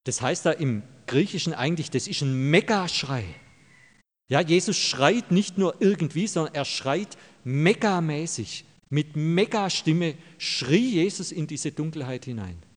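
A man's voice: a little high, lively intonation, a little slow. A pastor delivering a sermon in a church, emphatic and direct with the congregation, repeating his key phrases. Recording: long hall reverb.

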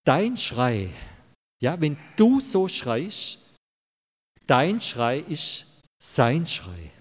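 A pastor with a fairly high-pitched, darkish voice preaches a sermon in a church, the recording carrying long hall reverb. He is emphatic and addresses the congregation directly, repeating his key phrases.

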